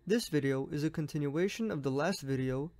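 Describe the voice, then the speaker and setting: A young man hosts a drawing lesson for a medical exam, narrating in a friendly, explanatory way. His voice is a little high and a little mellow, and he speaks briskly.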